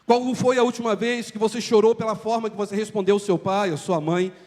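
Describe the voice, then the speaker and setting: A man's voice: sits high, steady tone, brisk, darkish tone. A man preaching a sermon in a church, pressing his point with rhetorical questions. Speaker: pastor. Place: church sanctuary. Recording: long church reverb.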